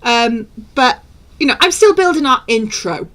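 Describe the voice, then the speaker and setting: Chatty woman co-host, on the high side, casual and lively. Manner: chatty, lively, quick asides. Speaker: podcast co-host. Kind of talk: casual chat.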